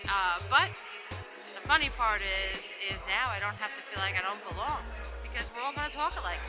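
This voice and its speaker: A woman's voice: medium pitch, animated, fairly quick. A woman from New York with a New York accent, chatting casually to her viewers as a travel vlogger. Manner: chatty, keeps addressing viewers as "guys". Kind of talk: casual vlog chat. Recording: loud music playing under the voice. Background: loud music.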